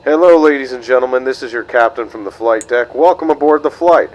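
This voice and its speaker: A man's voice: mid-range voice, a little fast, dull audio. Man giving an airline captain's announcement. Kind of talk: pilot's welcome announcement.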